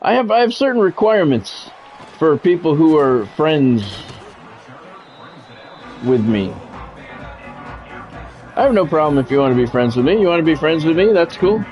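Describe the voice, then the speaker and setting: A fairly high, sing-song, darkish voice belongs to an American man hosting a game stream, speaking at a moderate pace with frequent pauses. His talk is casual and blunt, broken up by play-by-play, and music plays behind the dull lo-fi audio.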